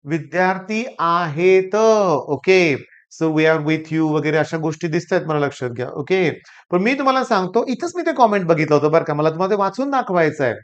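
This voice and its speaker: A male teacher with a Marathi accent speaks emphatically to his students, returning again and again to the same catchphrases. His voice is smooth and clear. The recording sounds a little dull. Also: high-pitched, animated, brisk. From Maharashtra. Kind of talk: talking to camera.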